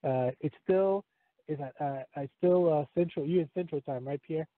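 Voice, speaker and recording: A man's voice: fairly high pitch, normal speed, no echo. Hesitant male host over a phone line. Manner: hesitant, many fillers and restarts. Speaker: podcast host. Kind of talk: hosting an interview. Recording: tinny phone line, dry.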